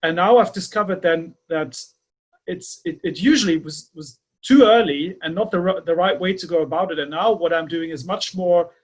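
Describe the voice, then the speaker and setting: A man hosting a podcast, speaking haltingly and repeating words as he searches for the right phrasing in a reflective conversation. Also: a little high. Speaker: podcast host.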